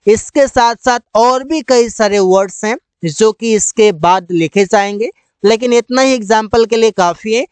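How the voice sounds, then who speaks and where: A teacher explaining English silent-letter rules in Hindi, slowly repeating each rule and example word. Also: mid-range voice, clean tone, dry recording.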